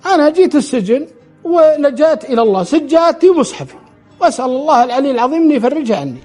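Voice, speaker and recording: A man's voice: very high voice, darkish tone. A man telling a true story aloud, relaying the dialogue in quotes and often restarting his words. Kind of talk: spoken storytelling.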